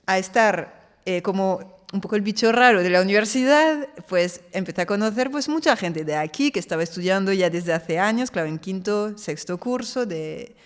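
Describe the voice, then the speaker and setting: French-born woman telling lively stories. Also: medium pitch, moderate pace, smooth, big-room sound. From France. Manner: lively, animated retelling with quoted voices. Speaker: guest. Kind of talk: casual interview storytelling.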